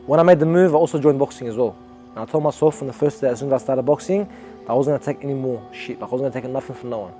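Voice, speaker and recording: A man's voice: medium pitch, racing, warm tone, soft background music. A young Australian man, an amateur boxer, talking earnestly and reflectively in a documentary interview, often restarting his sentences.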